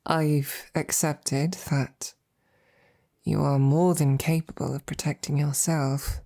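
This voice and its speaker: In an intimate roleplay audio, a woman voices a devoted, self-doubting female royal knight, speaking hesitantly, informally and tenderly. Her low, gravelly voice has a dark tone, little pitch movement and a slow pace, and the mood is earnest and insecure.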